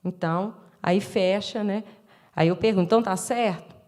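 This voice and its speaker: A woman's voice: medium pitch, normal speed, a little mellow. Brazilian woman lecturing on children's writing. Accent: Brazilian Portuguese. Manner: explanatory, acts out classroom dialogue, frequent tag questions. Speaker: education professor giving a talk. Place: lecture room.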